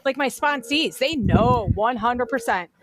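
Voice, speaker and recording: A woman's voice: a little high, measured pace. A woman guest on a podcast, talking bluntly in a casual chat and acting out voices as she tells stories. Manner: blunt, animated, acts out voices in her stories.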